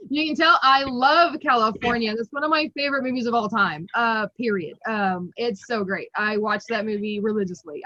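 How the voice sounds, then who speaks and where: A woman in her thirties talks with a bright, slightly high voice and laughs easily as she chats. The sound is dry and muffled, like a video call. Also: dry recording. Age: 30s. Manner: giggly, laughs often between thoughts. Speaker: guest collector. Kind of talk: casual interview chat.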